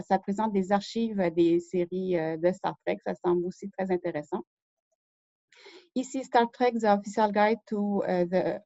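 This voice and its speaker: A woman's voice: mid-range voice, mellow, no echo. A woman hosting a screen-share research tutorial, talking hesitantly with many fillers and self-corrections. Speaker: show host. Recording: dull lo-fi dry recording.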